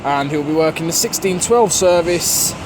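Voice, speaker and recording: A man's voice: fairly high pitch, moderate pace. A man giving casual, off-the-cuff train commentary with grumbling, sarcastic asides. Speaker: trainspotting video maker. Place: large railway station concourse or platform. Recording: noisy railway station ambience.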